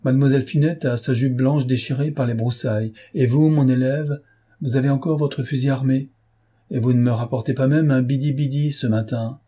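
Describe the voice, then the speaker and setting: A man's voice: mid-range voice, fairly even intonation, fairly quick, dark tone, breathy edge, natural voice. A man reading aloud who voices a fretful, feverish estate manager in a peevish, theatrical way, set a little above his own voice. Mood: stern.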